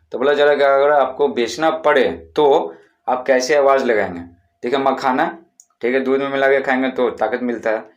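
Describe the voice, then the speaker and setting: A man teaching a school lesson in a conversational way. He keeps asking and answering his own questions and chants street vendor calls slowly. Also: mid-range voice.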